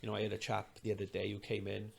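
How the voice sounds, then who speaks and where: Man, low gravelly voice, earnest, halting podcast guest. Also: monotone, darkish tone. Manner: earnest, halting, many fillers and restarts. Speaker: clinic owner, podcast guest. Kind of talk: casual conversation.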